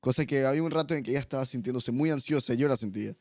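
A young man tells stories as a podcast guest, in an animated way and often laughing. His voice sits at a middling pitch, and the sound is dry and close. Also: very fast, dry recording. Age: young adult. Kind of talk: casual chat.

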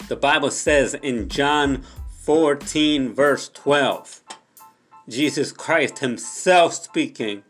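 A man preaching an impassioned sermon, emphatic and repetitive, who sometimes slips into soft prayer in Spanish. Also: medium pitch, takes it slowly, soft background music.

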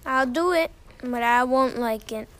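A woman's voice: sits high, a little slow. A woman reading aloud and voicing a large, grudging male genie of the lamp in a storybook.

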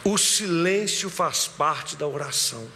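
A man preaching a sermon as a pastor, dropping to a hush and then rising loud again. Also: a little high, unhurried, long reverb tail, a little hiss or hum. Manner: preaching, swings from hushed to loud. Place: church.

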